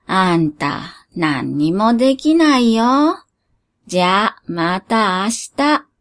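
A woman voicing a shady, lanky middle-aged male genie from a cup of noodles, speaking in a slow, old-fashioned, folksy drawl. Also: medium pitch, sing-song, a bit bright, pitched below the performer's own voice. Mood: weary. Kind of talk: storybook character voice.

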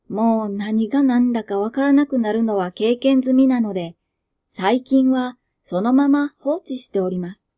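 A woman with a Kansai accent who reads short fiction aloud and then chats about it in a soft, self-mocking way. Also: a little high, phone-quality sound. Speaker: narrator and host of a reading channel. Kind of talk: reading flash fiction aloud, then casual chat.

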